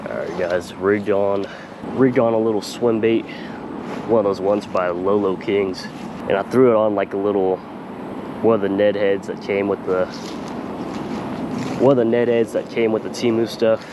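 A man with a slightly creaky voice chatting casually and in slang to viewers as he hosts a fishing vlog outdoors. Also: fairly low pitch, steady tone, moderate pace, long pauses, background noise. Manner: laid-back, slangy, talking to viewers. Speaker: fishing vlogger and host. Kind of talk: casual chat while fishing. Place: outdoors by a small pond.

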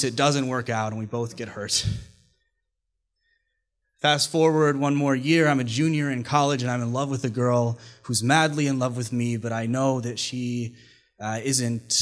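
A young man in his twenties tells a personal story on a small stage, close to a stand microphone. His delivery is wry and self-deprecating, and he sets up lines for laughs. His voice sits at a middling pitch for a man. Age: 20s. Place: small stage venue, indoors. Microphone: stand mic at mouth.

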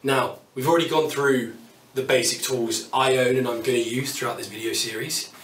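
With a mid-range, fairly bright voice and a moderate pace, a thirty-something British woodworking YouTuber gives a casual walkthrough of his tools, chatty and self-deprecating. A camera mic at a distance in his small indoor home workshop picks up roomy sound, his voice off-mic, plus a little hiss or hum.

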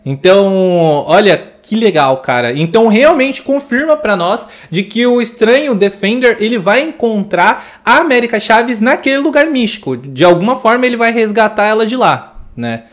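A man with a Brazilian Portuguese accent gives excited commentary on a movie trailer, gushing effusively and exclamatorily over each scene. His voice sits high, with lively intonation, a moderate pace and hardly any pauses.

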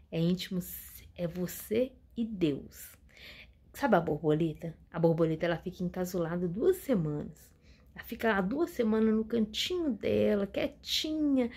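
A woman's voice: mid-range voice, gravelly, breathy edge. A woman hosting her channel, giving a casual inspirational talk to her viewers and repeating words for emphasis. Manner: warm addresses to the audience, repeats words for emphasis. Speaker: channel host.

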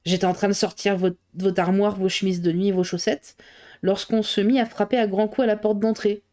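A woman's voice: mid-range voice, steady tone, brisk, a little mellow, natural voice. A woman voicing a flustered, chatty middle-aged cook who rambles colloquially. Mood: gossipy.

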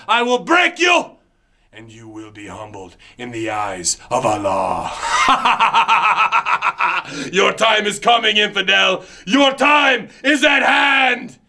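A man voicing a fanatical, menacing male wrestling villain, bellowing threats and drawn-out chants in a shouted promo. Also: very high voice, creaky, pitched above the performer's own voice, heavily acted.

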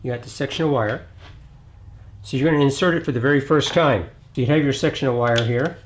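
A middle-aged man hosting a hands-on repair tutorial in his home garage, talking in a relaxed, plainspoken way as he works on an engine bay. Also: medium pitch, brisk, slight background noise. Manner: relaxed, plainspoken, thinks aloud while working. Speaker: DIY auto repair channel host.

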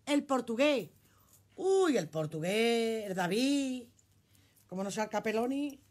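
A woman's voice: on the high side, very animated, slow pace, a little mellow. A middle-aged woman with a Spanish accent, selling clothes on a casual live stream from her shop. She chats in an exclamatory way, reads out viewer comments and swears casually. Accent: Spanish from Spain.

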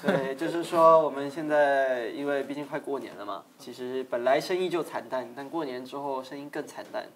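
A man playing a fast-talking worried dad. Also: mid-range voice, crowd noise, lightly acted. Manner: rambling, fast family-meeting talk. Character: worried father of a struggling restaurant. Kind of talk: comedy skit role-play. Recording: clear background noise and clicks.

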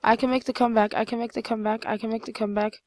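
A woman giving casual, rambling commentary over her own gameplay, full of fillers and sudden excited outbursts. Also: on the high side, rapid-fire.

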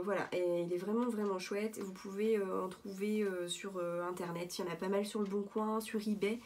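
Mellow-voiced woman chatting casually. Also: mid-range voice. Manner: chatty, hesitant with many fillers and restarts. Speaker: vlogger showing thrift finds. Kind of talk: casual show-and-tell vlog. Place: at home, indoors.

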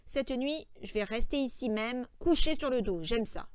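A woman's voice: a little high, lively intonation, moderate pace, clean tone, dry recording, lightly acted. A woman reading an audiobook, voicing a short-tempered grown man who scolds and orders his companion about. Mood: bossy. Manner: scolding, sharp, impatient. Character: irritable, bossy adult male farmhand, short-tempered.

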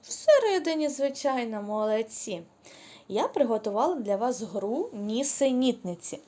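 Woman, kindergarten teacher, fairly high voice, slow careful delivery, stretched-out syllables, encouraging. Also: big pitch swings, mellow. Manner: slow, drawn-out syllables when modeling words; cheerful, encouraging praise. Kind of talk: preschool reading lesson.

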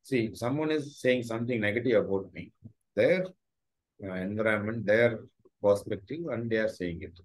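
A man's voice: fairly low pitch, normal speed, poor audio. A man in his forties with a Tamil accent, answering interview questions informally on a video call. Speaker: interview guest, professor. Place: small furnished room at home, video call. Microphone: video call device microphone.

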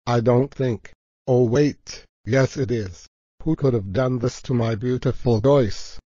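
Vain princess w/ a guy voice, tts man, cartoon, slow and muffled. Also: mid-range voice, dark tone, dry recording. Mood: dismayed. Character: vain princess stuck with a man's voice. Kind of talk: animated school video dialogue.

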